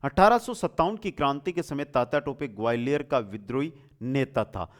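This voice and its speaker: In an exam-prep quiz lesson, a man reads out questions and explains the answers warmly and familiarly, repeating the key points. He speaks at a normal speed with a medium-pitched voice.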